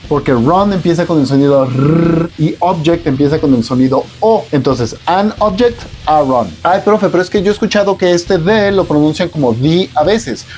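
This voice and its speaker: Joking Mexican Spanish-speaking teacher. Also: male voice, a little high, moderate pace, few pauses, a little mellow, soft background music. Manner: casual, joking, colloquial teaching tone. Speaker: English teacher. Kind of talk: explanatory lesson with slang.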